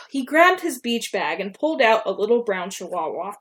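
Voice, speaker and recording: A woman's voice: a little high, big pitch swings, normal speed, fairly bright tone. A young woman reading her own old story aloud in an embarrassed, giggly way, acting out dialogue and adding casual self-mocking asides. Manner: voices dialogue animatedly.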